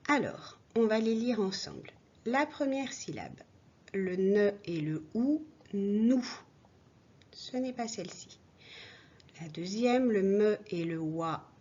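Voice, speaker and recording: A woman teacher leads a slow, patient reading lesson for small children. Her voice is soft and a little husky. The recording sounds dull and lo-fi, like a home mic. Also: mid-range voice. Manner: slow, clear, patient, addressing a child directly. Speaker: primary school teacher.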